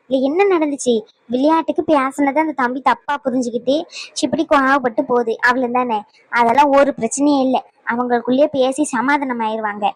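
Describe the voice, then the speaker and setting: A woman plays a stern middle-aged mother-in-law in a cartoon drama, lecturing her family at length in a high voice. The recording is dry and close. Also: no room sound. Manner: lecturing, scolding. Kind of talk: Tamil cartoon drama voice acting.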